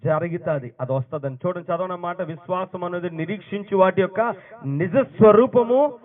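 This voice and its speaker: A man preaching a sermon as pastor, throwing questions to the congregation and rising to loud, emphatic bursts. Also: high voice. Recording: tinny phone-like sound.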